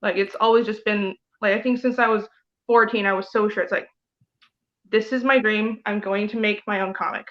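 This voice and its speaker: A woman's voice: medium pitch, fairly even intonation, moderate pace. Chatty woman from Taiwan, lo-fi call. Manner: chatty and rambling, heavy use of "like" and "you know". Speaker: guest comic artist. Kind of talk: casual interview chat.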